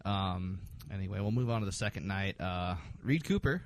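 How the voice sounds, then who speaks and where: A man's voice: deep voice, animated, normal speed, no room sound. Casual man hosting a podcast, dry sound. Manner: hesitant, lots of ums, recapping games. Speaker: podcast host. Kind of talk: casual sports chat.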